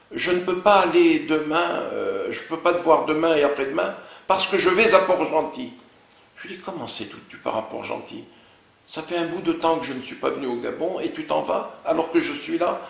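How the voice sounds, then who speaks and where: A man giving an interview, recounting events in lively storytelling and acting out the dialogue of the people involved. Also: a little high, gravelly, echoey room. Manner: animated storytelling, quoting others' words in dialogue. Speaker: interview guest.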